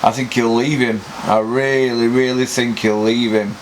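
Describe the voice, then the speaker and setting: This boxing pundit speaks in a mid-range voice that barely moves in pitch, at a slightly slow pace, over light background noise. Hosting his own talk show, he delivers an opinionated, casual rant full of blunt swearing and rhetorical questions.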